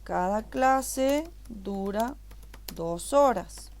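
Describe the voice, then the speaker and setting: A woman's voice: on the high side, expressive, drawn-out words, a little mellow. A woman teaching a recorded online language class, explaining patiently and repeating each word step by step.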